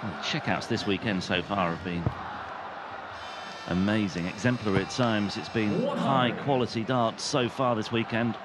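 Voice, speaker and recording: A man giving live darts commentary as lead commentator, in measured, descriptive phrases. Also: fairly low pitch, music in the background. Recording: loud crowd and venue noise. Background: noisy darts crowd.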